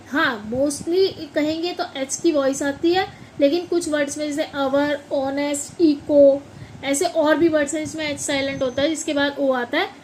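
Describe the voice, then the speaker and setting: A woman's voice: high-pitched, a little mellow, a little hiss or hum, rough recording. A woman teaching pronunciation in a classroom style. She spells out words letter by letter, repeats them, and keeps checking that her listeners follow. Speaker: English teacher. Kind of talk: classroom explanation.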